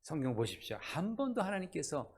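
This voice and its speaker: A male pastor preaching in a church with a somewhat high voice. His delivery is animated, and he keeps turning to the congregation with questions. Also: fairly quick, husky. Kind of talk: sermon. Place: church sanctuary.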